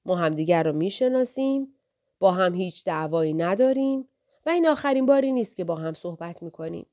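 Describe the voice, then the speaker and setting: A woman narrating an audiobook in a soft, measured way, sometimes dropping almost to a whisper. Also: on the low side, lively intonation.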